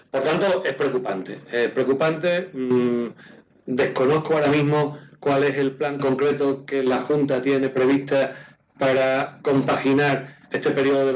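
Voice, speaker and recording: A man with an Andalusian accent answering interview questions in a measured, hesitant way, often repeating words as he explains. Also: mid-range voice. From Andalusia, Spain. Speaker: doctors' union president, interviewee. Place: remote call into a TV programme. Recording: muffled lo-fi call with clear noise.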